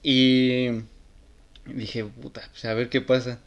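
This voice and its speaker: A man's voice: mid-range voice, level tone, takes it slowly, highs cut off. A young man with a Mexican accent telling a story in laid-back, slangy casual talk. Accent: Mexican Spanish.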